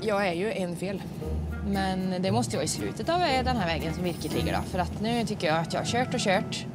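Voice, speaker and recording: A young woman with a Swedish accent, a timber truck driver thinking aloud in a reality show, swearing under stress. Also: mid-range voice. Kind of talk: reality TV commentary. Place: truck cab. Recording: music playing underneath.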